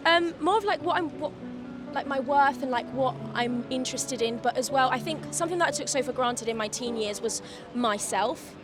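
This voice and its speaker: A woman's voice: high-pitched, fairly quick, music in the background. A woman in her early twenties, answering a street interview with many hesitant fillers. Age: young adult.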